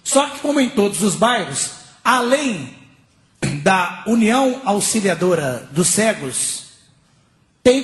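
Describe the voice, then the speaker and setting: A man telling a long funny story on stage, chatty and laughing through his lines. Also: sits high. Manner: chatty, laughing through lines, mimics shouting bus riders. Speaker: stand-up comedian. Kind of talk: storytelling stand-up. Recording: echoey stage with faint noise.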